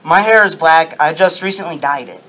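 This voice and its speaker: A man's voice: fairly high pitch, moderate pace, pushed and bright, poor audio. A young man voicing a proud Confederate statesman in an amateur sock-puppet show, with stiff, recited lines. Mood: boastful. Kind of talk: amateur puppet-show role-play, scripted. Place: darkened room with projection screen, puppeteers low at front.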